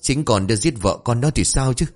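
Furious bitter young husband, voiced by a male narrator, loud, raised voice, lively swings. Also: medium pitch, normal speed, soft background music, pitched above the performer's own voice, close to an everyday voice. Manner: shouting accusations, raised and harsh.

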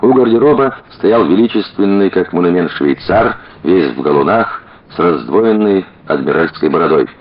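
Male audiobook narrator; low voice, expressive lively reading, dull lo-fi recording. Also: moderate pace.

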